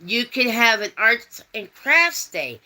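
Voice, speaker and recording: Slow, rambling woman chatting with viewers. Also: on the high side, big pitch swings, pushed and bright, poor audio. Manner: rambling, folksy, reads out chat comments. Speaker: host. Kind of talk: casual chat.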